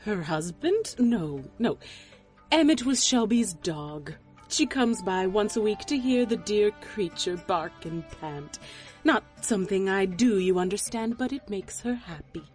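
An actress playing an imperious, curt mystic seer in an audio drama, with a haughty, theatrical and deadpan delivery. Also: female voice, mid-range voice, measured pace, soft background music, natural voice. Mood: dry, haughty.

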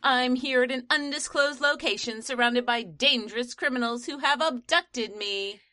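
A woman's voice: sits high, normal speed, sharp tone, no room sound. A woman playing a self-important female radio news reporter who narrates events dramatically in a comedic audio drama. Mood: dramatic.

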